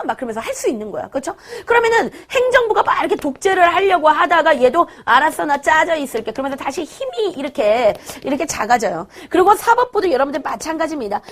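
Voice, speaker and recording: A young woman teaching a middle school social studies lesson, lively and playful, acting out quotes with sudden shouts. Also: high voice. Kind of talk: energetic video lecture.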